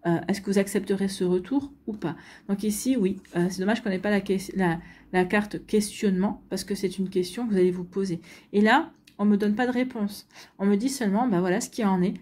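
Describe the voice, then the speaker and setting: A woman gives a tarot reading and talks directly to her viewers. Her voice is mellow and dark with a husky edge. She speaks hesitantly, with many fillers and restarts. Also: medium pitch, steady tone, fairly quick. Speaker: tarot card reader. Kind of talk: spontaneous tarot reading to camera.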